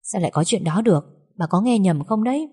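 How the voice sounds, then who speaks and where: A woman's voice: mid-range voice, brisk, husky. A woman voicing a weary older husband and father in an audiobook story. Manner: weary, flat.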